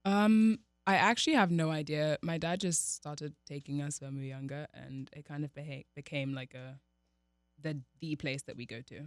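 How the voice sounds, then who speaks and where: A young woman from Nigeria, chatting as a podcast guest in a relaxed way with lots of fillers. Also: deep voice, moderate pace, dry recording. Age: young adult. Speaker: podcast guest, college athlete. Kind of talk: casual interview chat.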